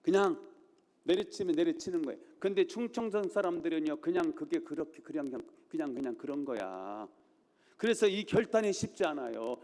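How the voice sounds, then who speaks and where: Male pastor, sermon delivery, emphatic and repetitive, fairly high pitch, long church-hall reverb. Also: a little mellow. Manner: emphatic preaching with repeated phrases and rhetorical questions. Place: church sanctuary.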